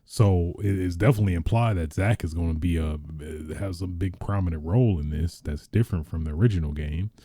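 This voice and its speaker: A man hosting a casual gaming podcast talks in an excitable, rambling way, often restarting and trailing into fillers. His voice is low and very dark. He is close to the mic in a dry sound. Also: no room sound. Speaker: podcast host.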